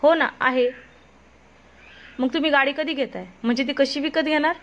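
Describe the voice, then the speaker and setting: Woman reading as a scheming corrupt official, persuasive and mocking, high voice, dull lo-fi sound. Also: steady tone, normal speed, a bit bright.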